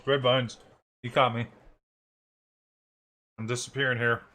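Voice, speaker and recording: A man's voice: medium pitch, little pitch movement, a little slow, pushed and bright. A man hosting a livestream. He greets his viewers and talks through his views in a loose, conversational way, with many fillers. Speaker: livestream host. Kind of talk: casual livestream commentary.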